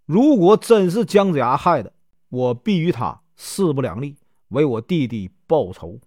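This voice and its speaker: A man's voice: a little high, sing-song, unhurried, a little mellow, no echo, studio quality. A man storyteller voicing a vengeful, resolute young prince in a retold legend, declaiming sternly.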